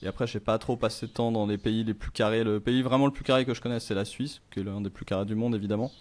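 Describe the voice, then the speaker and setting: A middle-aged man with a lowish voice chats casually. He talks his ideas through out loud, rambling and pausing on fillers. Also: steady tone. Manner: rambling, thinking aloud with many fillers. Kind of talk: casual conversation.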